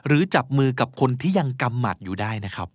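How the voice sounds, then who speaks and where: A man's voice: medium pitch, expressive, fast talker, dry recording, studio quality. A man hosting a podcast vocabulary lesson, explaining words patiently and spelling them out letter by letter. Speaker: podcast host teaching English vocabulary.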